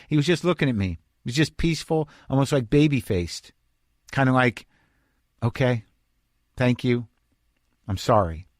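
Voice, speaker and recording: A man's voice: mid-range voice, no echo. Man with a dry close podcast mic. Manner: rambling, confessional storytelling with many restarts. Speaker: podcast host. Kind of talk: casual monologue. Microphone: podcast microphone.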